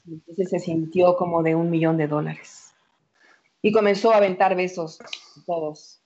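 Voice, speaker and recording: A woman's voice: on the low side, unhurried, highs cut off. Playful woman telling a fable. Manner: lively, playful, frequent "¿no?" tags. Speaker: storyteller, guest.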